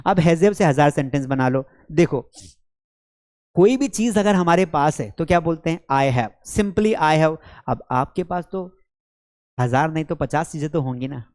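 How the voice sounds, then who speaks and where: A man's voice: on the high side, animated, moderate pace, darkish tone. A man teaching spoken English in a classroom at a board, drilling sentence pairs aloud with energy and calling students beta and bhai.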